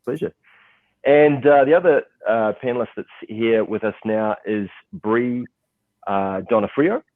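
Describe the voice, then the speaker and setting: Speaking at a measured pace in a mid-range voice, a fortysomething New Zealander runs a relaxed online panel, chatting loosely and dropping lots of "uh" fillers. The audio is dry and phone-quality, recorded in a client's office in Seattle as a crew gets set up.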